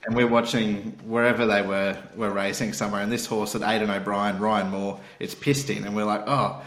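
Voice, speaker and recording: A man's voice: on the low side, flat delivery, brisk, fairly bright tone. Aussie guy, racing podcast chat, slangy, really echoey room. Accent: Australian. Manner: blokey, slangy. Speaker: horse racing podcast panellist. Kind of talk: casual chat and anecdotes. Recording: roomy, echoing sound.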